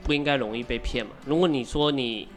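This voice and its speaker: A man's voice: mid-range voice, fast talker, faint music behind. A man co-hosting a podcast, making his point in a conversational, reasoning way. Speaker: podcast co-host. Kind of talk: casual chat.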